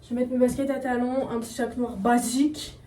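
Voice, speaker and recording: A young woman vlogs casually at home while getting ready, rambling, mocking herself, and talking in slang. Her voice is a little high and warm, brisk, with little pitch movement. She's off-mic and distant in an echoey room with faint background noise.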